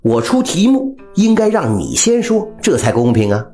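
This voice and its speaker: A man playing a scheming village rogue with a pitched-up, sing-song voice. He talks in a smug, wheedling way in a storybook telling, with soft music in the background. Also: wildly swooping pitch, moderate pace.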